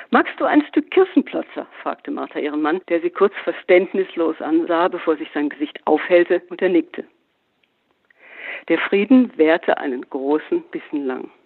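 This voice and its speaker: A man reading a literary story aloud in a measured narration. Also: on the high side, dry recording. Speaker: reader. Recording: phone-like narrow band.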